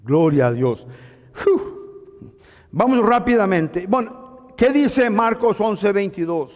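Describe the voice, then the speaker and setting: A male pastor giving an animated sermon, often calling out questions to his congregation. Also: high-pitched, slow pace, in a large hall, lo-fi sound. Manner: animated preaching, calls to the congregation.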